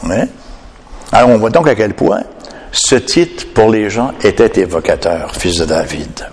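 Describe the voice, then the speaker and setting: A man's voice: on the low side, in a large hall. A man preaching a sermon emphatically, often tagging his points with a questioning "hein?". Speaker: pastor.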